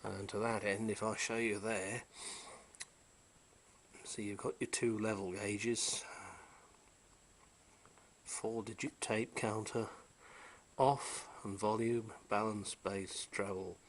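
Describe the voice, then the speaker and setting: Against slight background noise, a fairly low-voiced man who restores vintage electronics gives a casual show-and-tell of an old piece of equipment. He goes through each part hands-on, technical yet relaxed and unhurried, with frequent "uh" pauses between phrases.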